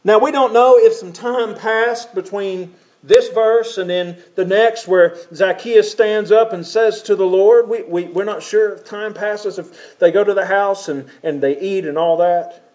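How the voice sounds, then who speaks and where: High-voiced preacher telling a vivid story. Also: male voice, a little slow, hardly any pauses, darkish tone, highs cut off. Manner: vivid, asks listeners to picture scenes, keeps checking in with "right?". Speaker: pastor. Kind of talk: storytelling sermon.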